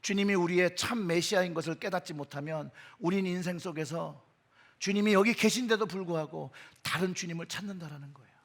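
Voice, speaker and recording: A middle-aged man preaches in a church with an emphatic delivery, his pitch and volume climbing on key phrases. His voice sits high for a man and has a gravelly texture that frays at the ends of phrases. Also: fairly quick. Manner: emphatic, with surges in pitch and loudness. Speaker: pastor. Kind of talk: sermon. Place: church sanctuary.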